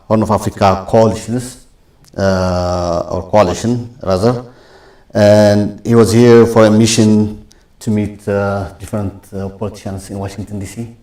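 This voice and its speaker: A man's voice: lowish voice, dark tone, distant mic. A man hosting an interview, asking questions hesitantly with many fillers and restarts. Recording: roomy echo, off-mic.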